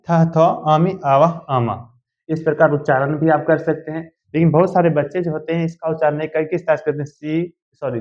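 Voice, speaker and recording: A man's voice: on the high side, darkish tone. A male teacher giving a classroom grammar lesson, explaining step by step and often asking the students whether they follow. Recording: dull lo-fi sound.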